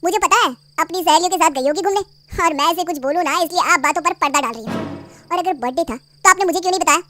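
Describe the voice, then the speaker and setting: A woman voicing a bossy, short-tempered young husband in a cartoon family story, loud and demanding. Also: very high-pitched, fast talker, soft background music. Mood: angry.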